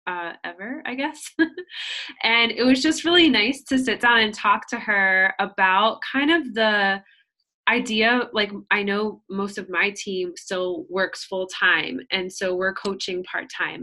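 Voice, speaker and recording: A woman's voice: medium pitch, bright, forceful tone. A woman hosting a team video call, introducing a guest in a friendly, encouraging way. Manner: friendly, encouraging, casual fillers. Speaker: team leader and call host.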